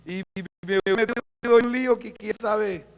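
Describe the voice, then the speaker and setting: A Colombian man preaching as a pastor, telling a story with acted-out dialogue and dropping to a hush for quoted voices. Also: high voice, normal speed, gravelly. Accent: Colombian Spanish. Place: church. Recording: live church recording, long hall reverb.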